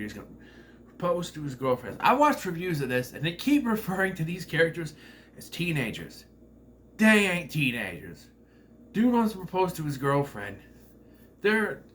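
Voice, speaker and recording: This man in his thirties has a slightly high, fairly bright voice, stuffed up and nasal from a cold. He rambles through a casual, joking film review packed with asides and self-corrections. It's recorded on a distant mic in an echoey room with a noisy background.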